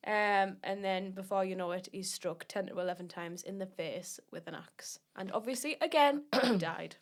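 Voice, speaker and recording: A woman's voice: medium pitch, normal speed. A woman co-hosting a podcast, recounting a case in casual chat with light asides. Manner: tells the case story with chatty asides. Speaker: podcast co-host.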